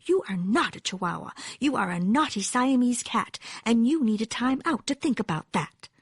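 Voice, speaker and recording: A woman's voice: mid-range voice, sing-song, normal speed, slightly rough, dry recording, clean studio sound. A woman voicing a scolding, persuasive mother cat in a storybook, firm and coaxing with playful rhymes.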